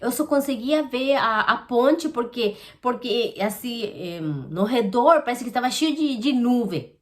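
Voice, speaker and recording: A woman giving a personal spiritual testimony, earnest and halting, with many restarts. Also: a little high, animated. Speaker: testimony giver.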